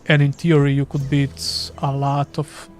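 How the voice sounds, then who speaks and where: A streamer from Serbia plays live, commenting casually and self-deprecatingly in a Serbian accent. His mid-range voice is monotone and a little slow, with faint music behind.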